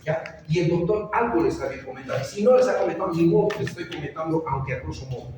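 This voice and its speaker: This is a woman doctor addressing medical students, mixing patient stories into her teaching and checking in with the room often. Her fairly low, dark-toned voice is animated and quick, with slight background noise. The audio comes from far off in an echoey hall.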